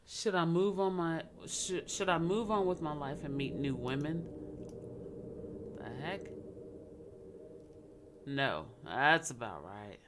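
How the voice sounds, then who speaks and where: A woman with a low voice talks slowly and quietly over a late-night game stream. She spells out letters one by one in a hushed tone. A steady noise hisses behind her.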